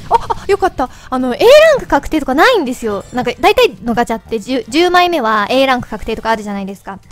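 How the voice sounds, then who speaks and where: Female game host, helium-squeaky voice, high and fast, playful casual commentary. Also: fairly bright tone. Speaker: host of a mobile game channel.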